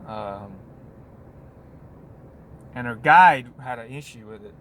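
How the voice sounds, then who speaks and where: A man in a plain mid-pitched voice rambles through a casual monologue from a parked spot on his work break, circling back on himself and tossing in asides. Faint noise hums underneath. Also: lively intonation, slow, a bit bright. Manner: meandering, full of restarts and "you know what I mean". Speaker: vlogger.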